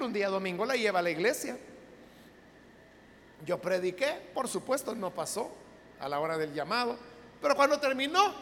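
Pastor telling a story in an echoey hall. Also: male voice, high voice, fairly bright tone, a little hiss or hum. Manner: conversational storyteller, with frequent asides. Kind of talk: sermon testimony storytelling.

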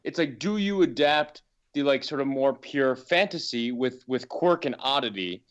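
On a podcast, a man appearing as a guest filmmaker talks in a rambling, hedging way packed with "like," sounding opinionated, emphatic and casually sweary. He speaks at medium pitch and a moderate pace, animated, though the audio is dull.

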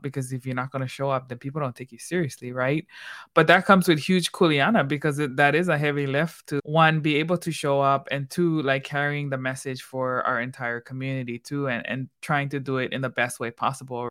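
Podcast host, casual, loose, filler-heavy, mid-pitched voice. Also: fairly bright tone. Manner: chatty, loose, many fillers, laughs easily.

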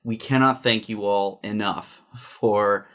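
A man's voice: fairly low pitch, fairly even intonation, slow, fairly bright tone. A man co-hosting a podcast from a room in his house, talking casually with many restarts and a dry, sarcastic humor. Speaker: podcast co-host. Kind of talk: casual chat.

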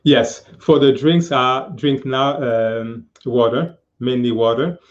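A man in his fifties, a guest on a live-stream interview, speaking earnestly with many pauses and fillers over a video call. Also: medium pitch, dull audio. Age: 50s.

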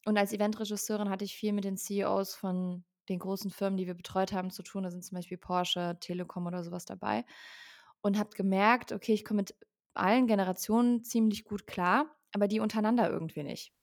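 A young woman in her twenties speaks as a podcast guest, explaining at length in a fluent, explanatory manner. She often fills pauses with ähm, and her pitch sits in the middle range. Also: steady tone. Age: 20s. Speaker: guest, founder. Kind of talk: podcast interview.

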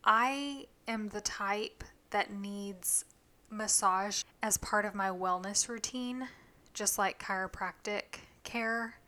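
A woman's voice: mid-range voice, takes it slowly, pushed and bright. Chatty woman in her thirties hosting a podcast. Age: 30s. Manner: chatty, laughs often. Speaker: podcast host. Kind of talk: casual chat.

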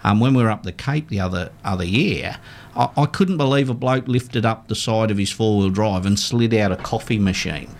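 A man's voice: on the low side, normal speed. Australian man in easygoing radio chat. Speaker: radio fishing show co-host. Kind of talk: casual chat, anecdotes. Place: radio studio.

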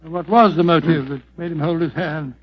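An actor playing a genial, earnest British doctor, a detective's loyal older companion, in 1940s radio drama style. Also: male voice, fairly high pitch, steady tone, a little fast, slightly rough. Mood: earnest, puzzled. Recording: dull lo-fi vintage radio recording.

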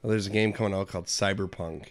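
A man's voice: deep voice, fairly even intonation, quick pace. Man making dry joking asides. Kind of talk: casual chat.

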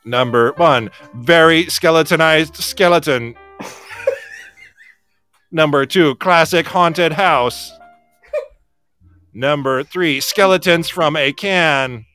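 A man putting on a robot voice to play a female AI program that reads out numbered lists in a slow, measured way. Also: a little high, bright, forceful tone, clear, resonant tone, soft background music. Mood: deadpan.

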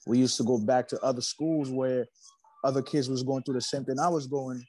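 A man's voice: mid-range voice, fairly even intonation, a little fast, warm tone, poor audio. A man from Haiti, a musician guest, talking casually in an interview, laid-back and slangy, often repeating himself.

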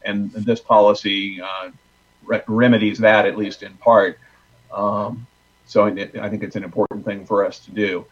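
A man explaining a policy at a board meeting as a township trustee, in a halting, measured way. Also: on the low side, little pitch movement. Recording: dull, muffled meeting audio.

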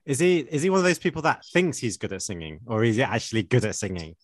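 A man co-hosting a podcast, telling a story in an animated, incredulous way. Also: medium pitch, quick pace, no echo, studio quality. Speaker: podcast co-host. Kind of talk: casual storytelling chat.

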